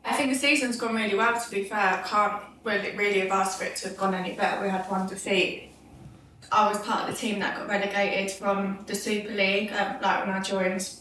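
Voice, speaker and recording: Bright, chatty woman in an echoey room. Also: medium pitch, little pitch movement, fairly quick, distant mic, slight background noise. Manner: chatty and giggly. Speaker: footballer. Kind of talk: casual chat.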